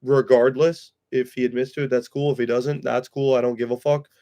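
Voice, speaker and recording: A man's voice: mid-range voice, level tone, a little fast, dark tone. A man hosting a casual live chat with friends, talking bluntly and swearing freely. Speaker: streamer host. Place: room with friends.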